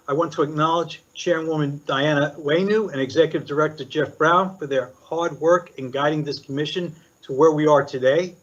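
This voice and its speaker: An older man from Puerto Rico, serving as a commissioner, gives a formal prepared statement at a public meeting in a slightly high voice. He speaks in a measured, deliberate way, working through listed points. The meeting recording is dull and lo-fi.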